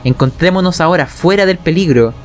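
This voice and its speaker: In a brisk, highish voice with slight background noise, a Chilean-accented game master chats informally about tabletop role-playing narration technique, often pausing to check on his listeners.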